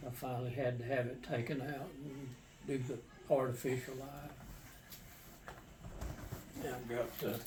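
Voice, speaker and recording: An older man, a war veteran, casually recounting his memories in a halting, matter-of-fact, plain-spoken way. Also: mid-range voice, level tone, a little mellow. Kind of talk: casual personal storytelling. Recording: distant mic with faint background noise.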